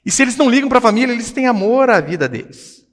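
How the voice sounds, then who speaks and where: A man with a Brazilian Portuguese accent, a pastor preaching a sermon with animated swings between hushed and loud delivery. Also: extremely high pitch, fast talker, in a large hall. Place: church hall.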